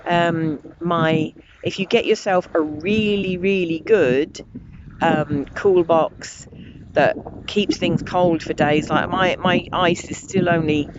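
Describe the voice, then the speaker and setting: Brief: middle-aged woman vlogger, chatty storyteller, some fry in the voice, steady background noise. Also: fairly low pitch. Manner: chatty, rambling, enthusiastic storyteller. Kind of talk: casual travel vlog chat. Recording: muffled lo-fi audio with clear background noise.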